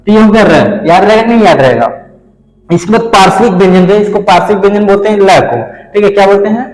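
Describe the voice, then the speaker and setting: A man's voice: high-pitched, quick pace, a little mellow, roomy sound, long reverb tail, poor audio. A male teacher giving a classroom lecture, explaining at a board and asking and answering his own questions.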